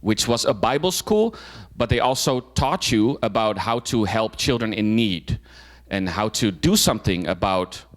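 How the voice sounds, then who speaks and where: An animated young Dutchman with a fairly low voice speaks unhurriedly to a club, sharing his personal story as a guest. His manner is casual, marked by frequent fillers and restarts.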